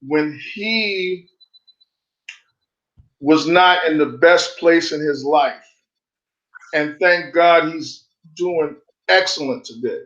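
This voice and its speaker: Slow, measured middle-aged man. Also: a little high, fairly bright tone, echoey room, lo-fi sound. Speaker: guest, married father. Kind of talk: reflective storytelling.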